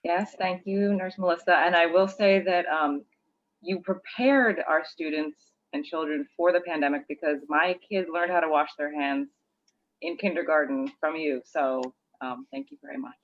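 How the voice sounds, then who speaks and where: A woman's voice: deep voice, fairly even intonation, normal speed. Woman board member and parent, sincere, dull video call audio, faint background noise. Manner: sincere, grateful. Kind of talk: tribute at a board meeting.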